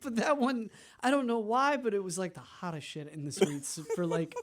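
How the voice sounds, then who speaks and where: Animated, playful male comedian. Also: high-pitched, moderate pace. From Washington, D.C. area. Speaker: comedian guest. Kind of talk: casual podcast conversation. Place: podcast studio.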